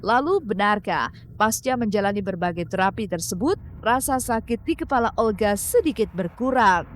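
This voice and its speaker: A woman's voice: mid-range voice, lively intonation, moderate pace, a little hiss or hum. A woman reading a scripted celebrity gossip news voice-over in a dramatic, questioning way. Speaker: news narrator.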